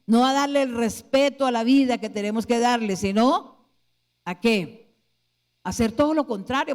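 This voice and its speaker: A woman pastor preaching a sermon, putting rhetorical question after question to her congregation. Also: a little high. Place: church hall. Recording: long church hall reverb.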